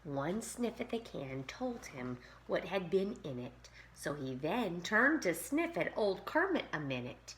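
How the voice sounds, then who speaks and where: A woman teacher reading a rhyming picture book aloud to young children in an expressive, sing-song way. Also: on the low side, measured pace, few pauses, slight background noise. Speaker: pre-K teacher.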